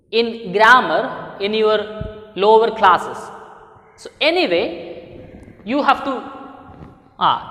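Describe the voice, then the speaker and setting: A man teaching an English grammar lesson, slowly and with much repetition, asking questions and answering them himself. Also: high voice, bright, forceful tone. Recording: echoey room with long reverb.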